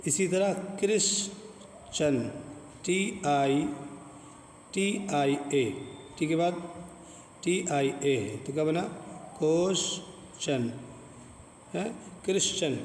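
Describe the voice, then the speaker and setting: A man's voice: on the high side, slow pace, long pauses, darkish tone. A man with a Pakistani Urdu accent teaching an English pronunciation lesson, speaking patiently, repeating words and asking questions. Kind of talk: classroom lesson explaining pronunciation rules. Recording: echoey room with long reverb, faint ambient noise.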